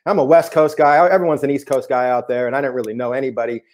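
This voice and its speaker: A man's voice: mid-range voice, fairly even intonation, fast talker, darkish tone. Laid-back man on a video call. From Seattle area, USA. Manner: laid-back, laughs easily, says man a lot. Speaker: guest, basketball coach. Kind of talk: casual chat, storytelling. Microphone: remote video call.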